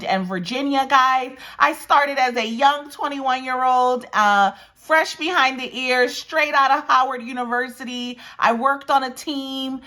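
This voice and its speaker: A fairly high-pitched, sharp-toned woman in her forties from Washington, D.C. works as a realtor and talks market news casually to camera. She's in her home dining room by a windy patio, emphatic, repeating phrases and addressing viewers as "guys."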